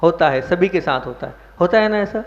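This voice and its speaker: In a muffled, echoing hall, a man with a high, animated voice preaches a bit quickly as a Jain monk. He explains verses, poses questions to his audience, and puts stress on certain words.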